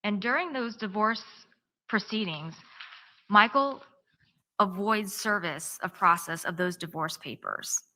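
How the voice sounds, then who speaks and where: A woman defense attorney giving a courtroom opening statement, recounting events step by step in a measured present-tense narration. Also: mid-range voice, sharp tone.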